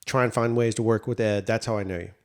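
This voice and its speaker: A man's voice: on the low side, steady tone, quick pace. A man co-hosting a podcast, chatting casually with playful, joking banter. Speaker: podcast co-host.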